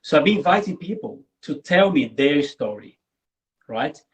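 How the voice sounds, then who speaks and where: A native Portuguese-speaking man appears as a guest content creator in a live online interview, speaking earnestly, repeating words, and often tagging lines with "right?" to check in. His voice is fairly high and sing-song at a normal speed, and the recording is rough.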